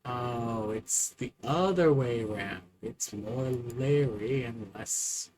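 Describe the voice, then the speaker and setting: A man's voice: medium pitch, slow pace, low-quality recording. A man casually commenting on his own gameplay, rambling and talking to himself with frequent fillers. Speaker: streamer.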